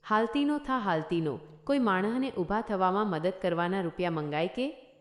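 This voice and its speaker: A woman's voice: mid-range voice, animated, normal speed, lightly acted. Woman voicing a cheeky male porter, blunt rustic dialect, haggling, storybook tale, echoey room.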